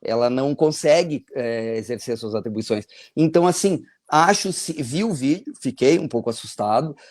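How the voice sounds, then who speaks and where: A man, a teacher hosting a podcast, talking casually and tagging his points with quick checks for agreement. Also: mid-range voice, lively intonation, darkish tone. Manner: conversational, frequent "tá?" tags. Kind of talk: casual discussion.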